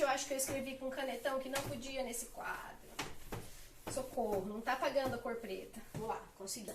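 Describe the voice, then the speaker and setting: A woman with a high voice teaches English grammar at a whiteboard. She explains step by step and keeps asking her students rhetorical questions. The sound is roomy and echoey. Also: a little hiss or hum. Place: room with a whiteboard.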